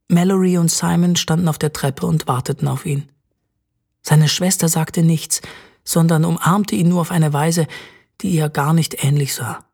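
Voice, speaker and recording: An audiobook narrator telling a fantasy story in a steady storytelling voice. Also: medium pitch, vocal fry, husky. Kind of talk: scripted narration.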